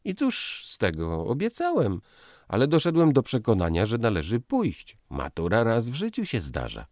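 A man's voice: fairly low pitch, huge pitch swings, normal speed, a little mellow, no echo, clean studio sound, voice pushed up. A man voicing a smug young graduate in a lightly raised, teasing voice.

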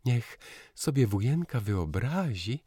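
A man voicing a cheerful, playful young wife who chatters brightly. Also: extremely low pitch, slow, slightly rough, no room sound, studio quality, pitched above the performer's own voice, heavily acted. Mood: chattering. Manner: chirpy, lively storytelling.

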